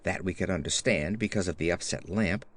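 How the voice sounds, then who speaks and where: A low-pitched man narrates a gothic horror audiobook in the first person, his reading theatrical and grave with deliberate emphasis.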